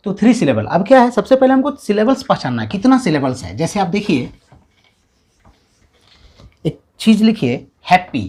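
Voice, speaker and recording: Man teaching grammar, lively pitch. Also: breathy edge. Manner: explains step by step, often checks in with "है ना" and "ठीक है"; sounds out syllables slowly. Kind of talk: classroom-style video lesson.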